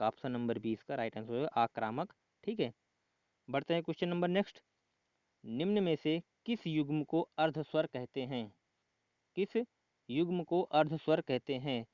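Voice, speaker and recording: A man running through exam quiz answers at a steady middle pitch, restating each answer and filling gaps with "okay". The recording is dry and slightly muffled, like a cheap home mic. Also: dry recording. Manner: repeats the answer, frequent filler "okay", clears throat. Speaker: exam-prep tutor.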